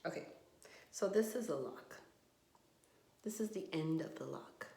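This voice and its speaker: A woman's voice: lowish voice, lively intonation, a little slow, gravelly, dark tone. A woman vlogging on her phone from her bathroom, rambling in a frustrated, trailing way. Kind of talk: casual vlog monologue. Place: home bathroom. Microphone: phone camera. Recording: echoey bathroom phone recording.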